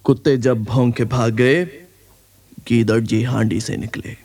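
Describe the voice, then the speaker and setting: A man telling a children's story in a playful sing-song way, half spoken and half sung, over loud folk music. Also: medium pitch, little pitch movement, measured pace, husky.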